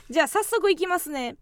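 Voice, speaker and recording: A woman's voice: extremely high pitch, slight background noise. A woman with a Kansai accent co-hosting a comedy radio show, reading out listener letters and making blunt, teasing retorts in casual banter.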